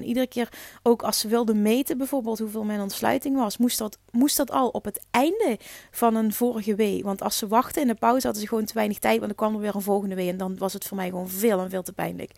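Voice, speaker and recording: A woman's voice: mid-range voice, creaky, a little mellow, no room sound, studio quality. A woman hosting a podcast, telling a personal story in a candid, frank way and repeating phrases for emphasis. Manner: frank, with occasional swearing. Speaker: podcast host.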